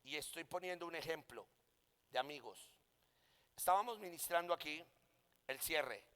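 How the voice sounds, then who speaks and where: Man, Colombian, preaching, passionate, high-pitched, reverberant hall. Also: normal speed, smooth. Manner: impassioned, rising to shouts on key points. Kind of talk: sermon with personal testimony.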